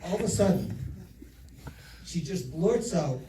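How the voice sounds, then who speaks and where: Middle-aged male, slightly high voice, father of the bride speech with comic storytelling, echoey room with audience. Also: animated, mellow. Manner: storytelling with deliberate pauses and repeated phrases. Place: reception room before an audience. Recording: echoey room, distant mic, audience noise. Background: audience laughter and crowd noise.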